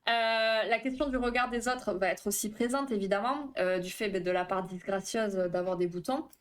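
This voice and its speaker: Streaming live, a woman therapist reads out the chat and banters casually with viewers. She talks at a fast clip, tripping over words, with a medium-pitched voice.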